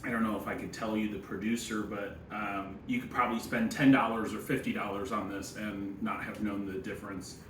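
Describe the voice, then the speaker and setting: A man's voice: lowish voice, little pitch movement, a little fast, few pauses, fairly bright tone. A man speaking as a sommelier in casual tasting commentary, wry and opinionated, full of wine jargon. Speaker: sommelier and presenter. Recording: echoey room, faint background noise.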